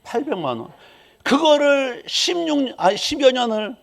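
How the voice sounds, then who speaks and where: A male pastor delivering a sermon in a high voice that leaps up and down. He tells stories and acts out the prayers and dialogue he quotes. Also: unhurried, gravelly. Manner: animated storytelling, acting out quoted prayers.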